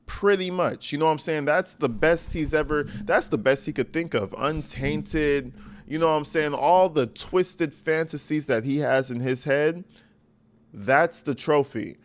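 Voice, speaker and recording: A man's voice: a little high, unhurried, slight background noise. A man hosting true-crime commentary in an informal, opinionated style, blunt and slangy with emphatic stresses.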